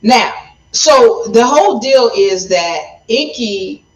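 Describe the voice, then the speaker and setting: A woman's voice: a little high, expressive, roomy sound, recorded from a distance, low-quality recording. A woman hosting a livestream, explaining her point in an emphatic, lecturing way. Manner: emphatic, lecturing, speeds up and slows down for stress. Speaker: livestream host. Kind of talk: livestream commentary. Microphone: phone.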